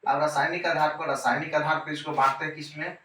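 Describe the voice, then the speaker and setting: A man's voice: a little high, steady tone, quick pace, bright, forceful tone, a little hiss or hum. A male chemistry teacher giving a coaching class lecture, who keeps repeating key terms as questions and answering them himself. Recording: echoey room, voice from a distance, faint ambience.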